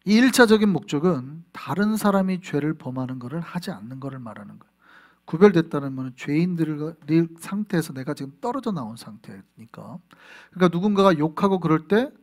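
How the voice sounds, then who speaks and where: A male pastor delivering a Sunday sermon with a high, bright-pitched voice. His delivery is lively and animated, with pitch leaping and dropping as he acts out little scenes. He keeps drawing the congregation in with rhetorical questions. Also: a little fast.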